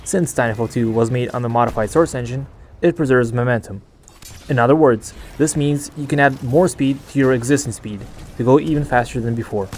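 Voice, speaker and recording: A man's voice: mid-range voice, brisk, darkish tone, a little hiss or hum. A man hosting a gaming video, narrating a scripted guide with informal asides.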